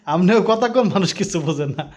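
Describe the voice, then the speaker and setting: A man's voice: sits high, animated, moderate pace, a little mellow. A man and father chatting in a casual family vlog at home, speaking patiently into a phone held close to his mouth and explaining things at length. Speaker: vlogger and father. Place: at home indoors. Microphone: phone held in front of mouth.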